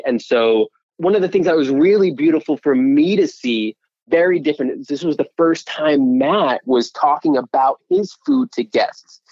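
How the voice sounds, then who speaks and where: A man with a mid-range voice tells lively stories about running his shop, quick to laugh. The recording is dry and somewhat dull. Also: medium pitch, no room sound. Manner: lively storyteller, laughs easily. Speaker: restaurant co-owner. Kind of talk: interview storytelling.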